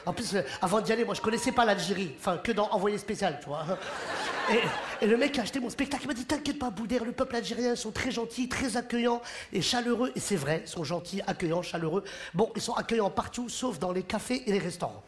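A stand-up comedian, a man, performs an animated, joking routine on a theater stage and puts on voices for the people in his stories. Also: high-pitched, fast talker, slight background noise. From Morocco. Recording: live show in a hall, audience laughter. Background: audience laughing and cheering.

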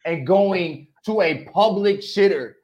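A man's voice: sits high, slow pace, a little mellow, poor audio. A man bantering casually as a panelist, slangy and emphatic, often repeating his phrases. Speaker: show panelist.

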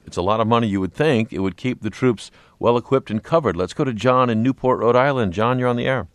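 A man working as a smooth radio host, moderating a call-in discussion and steering measured questions to his guests and callers. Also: medium pitch, no room sound. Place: radio studio.

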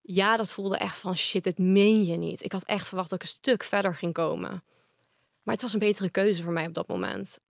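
A woman's voice: medium pitch, animated, a little fast, creaky, no echo, clean studio sound. A woman guest in a casual interview, speaking frankly and at length.

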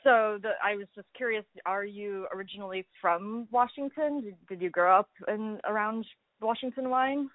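A woman hosts a casual interview, easygoing and quick to laugh between questions. Her voice is narrow and phone-like, with a dry, close sound and no room echo. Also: mid-range voice. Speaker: podcast host. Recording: thin phone-like line, dry.

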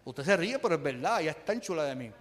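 A man's voice: on the high side, big pitch swings, fast, a little hiss or hum. A man in his thirties preaching a sermon, shifting from chatty storytelling to emphatic preaching. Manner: conversational storytelling with bursts of laughter, rising to emphatic preaching. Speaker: pastor. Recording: long hall reverb.

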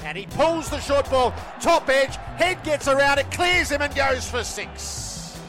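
High-pitched man calling cricket ball by ball. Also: animated, measured pace. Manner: terse, present-tense calls. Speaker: cricket commentator. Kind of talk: live ball-by-ball cricket commentary. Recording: broadcast highlights with music underneath. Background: music.

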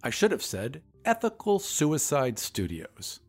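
A man's voice: mid-range voice, wildly swooping pitch, a little slow, faint music behind, voice pushed up, exaggerated voice. A man voicing a genial, pompous, very old doctor who lectures emphatically in an audiobook story. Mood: sympathetic, persuasive. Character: genial, pompous, very old male doctor championing population control.

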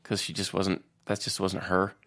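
A young adult man co-hosting a casual movie review chat, telling stories in an animated way with quick asides and giggles. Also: sits low, creaky. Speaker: podcast co-host.

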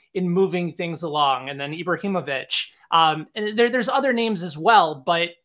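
Bright-voiced sports show host. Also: male voice, high voice. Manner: conversational, with many fillers. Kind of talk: interview questions.

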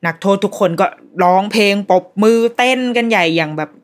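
A woman hosts a podcast, casually reviewing a TV series and retelling its scenes in an animated way, often restarting her sentences. Her voice is medium-pitched and she talks fairly quickly.

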